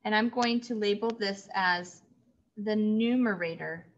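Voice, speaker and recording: A woman teaching third graders in an online lesson, speaking slowly and clearly and repeating key words for the children. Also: medium pitch. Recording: dull lo-fi audio.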